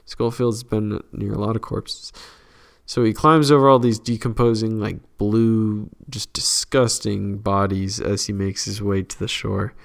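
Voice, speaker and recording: A man's voice: fairly low pitch, fairly even intonation, a little slow, vocal fry. A young man casually retelling a film's plot as a podcast host, rambling and acting out quoted lines in slang.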